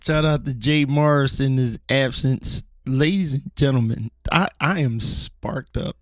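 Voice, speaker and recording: Speaking at medium pitch and a little slowly, a Philadelphia man co-hosts a podcast from a studio table, passionately ranting about church culture in a rambling way full of restarts. The recording is studio quality with no room sound.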